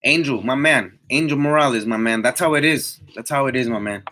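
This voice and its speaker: A tree climber in his twenties hosts a livestream, chatting casually with viewers in a slangy, motivational style and repeating things for emphasis. His voice is mid-range, brisk and sharp.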